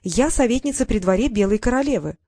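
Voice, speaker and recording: A woman's voice: a little high, expressive, fast talker, mellow, no echo, studio quality, voice pushed up. A woman voicing a tiny, haughty female fairy courtier who lectures and gets irritated easily. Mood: prying. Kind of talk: audiobook character voice.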